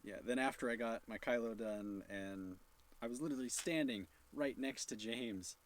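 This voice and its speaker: A man's voice: mid-range voice, normal speed. Easygoing male guest on a live stream. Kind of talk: casual live stream chat.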